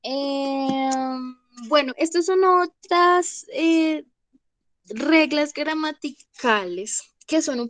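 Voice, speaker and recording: Young lady teaching english grammar online, slow patient delivery, dry close sound. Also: fairly high pitch, dry recording. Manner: patient, checks in with "¿listo?". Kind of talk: online class explanation.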